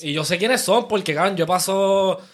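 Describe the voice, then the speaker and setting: A speaker with a Puerto Rican accent, a youtuber in casual podcast chat, often chiming in with quick agreement. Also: medium pitch. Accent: Puerto Rican Spanish. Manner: frequent quick agreeing interjections.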